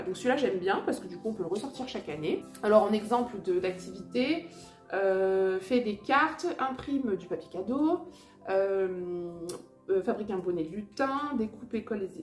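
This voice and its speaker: A woman's voice: mid-range voice, a little mellow. Woman, casual show-and-tell chat, hesitant with lots of fillers, roomy echo, faint music behind. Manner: hesitant, many fillers and restarts. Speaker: vlogger and mother sharing children's books. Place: home, seated beside a fireplace.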